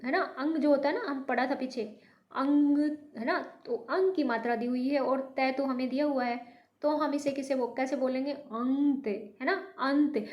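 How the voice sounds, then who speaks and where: Slow, high-voiced woman teaching Hindi. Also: echoey room, highs cut off, slight background noise. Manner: slow, repetitive, drawn-out pronunciation of sample words; mixes English words into her Hindi. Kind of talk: online language lesson.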